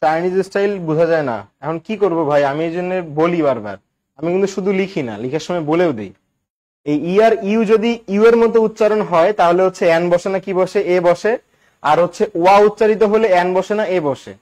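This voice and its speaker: High-voiced man teaching grammar. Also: lively intonation, a little fast, a little mellow. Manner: chatty, quizzes students with questions. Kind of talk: live online class.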